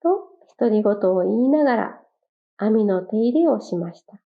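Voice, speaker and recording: Woman telling a gentle children's fable. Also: mid-range voice, lively intonation, unhurried, creaky. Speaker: storyteller. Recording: dull lo-fi recording.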